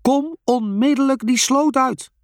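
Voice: big pitch swings, unhurried, no echo, clean studio sound. A storyteller voicing a boy's father in a children's storybook, a grown man who bellows and grumbles. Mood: bellowing. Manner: booming, grumbling. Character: gruff grown-up father, bellowing then jolly.

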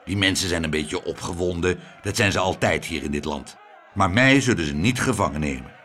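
Man putting on a low gruff grumbling president, stubborn, dismissive. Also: huge pitch swings, fast talker, a little hiss or hum.

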